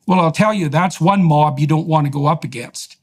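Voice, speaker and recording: A man's voice: on the high side, a little fast, a little mellow. A man hosting an interview, making his case emphatically in long, run-on sentences. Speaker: podcast host. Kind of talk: heated interview conversation.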